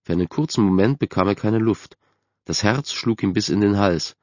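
A man calmly narrating a spooky youth novel in a measured way, as an audiobook narrator in a dull, dry booth recording. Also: on the low side, no room sound. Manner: calm, measured storytelling.

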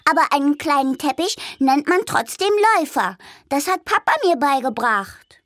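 A woman doing a high, amazed little girl. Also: animated, normal speed, fairly bright tone, dry recording, clean studio sound. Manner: wide-eyed, eager. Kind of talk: storybook reading.

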